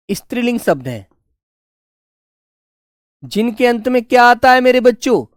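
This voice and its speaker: A man's voice: high voice, dry recording, clean studio sound. A man teaching an online Hindi grammar lesson, affectionate and repetitive, keeps asking his students questions and answering them himself.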